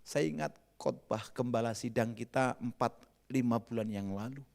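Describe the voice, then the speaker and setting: A middle-aged man with a Javanese accent preaching a lively, joking sermon, swinging from loud bursts to soft whispers. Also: medium pitch, normal speed. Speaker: pastor.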